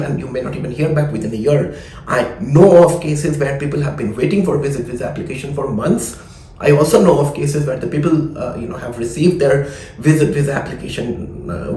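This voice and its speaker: A man's voice: fairly high pitch, warm tone. A man with a choked, congested voice, explaining things informally to viewers as a consultant, with frequent "you know" asides. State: recovering from a choked voice. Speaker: immigration consultant presenting advice. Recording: echoey room with background noise.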